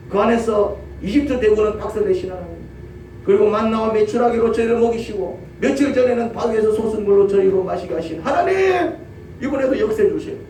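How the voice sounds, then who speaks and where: A man's voice: sits high, dark tone, slight background noise. A man voicing Moses as an elderly leader praying desperately to God, in pleading cries, recorded in a roomy space from a distance. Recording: roomy church audio from a distance.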